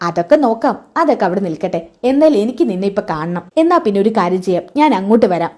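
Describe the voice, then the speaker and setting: A woman's voice: mid-range voice, expressive, very fast, a little mellow, natural voice. A woman voicing an obsessive, insistent young husband who pines for another woman. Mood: pleading.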